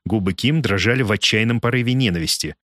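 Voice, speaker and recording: A man narrating a dramatic audiobook in an expressive, theatrical manner. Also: fairly low pitch, quick pace, no room sound, clean studio sound.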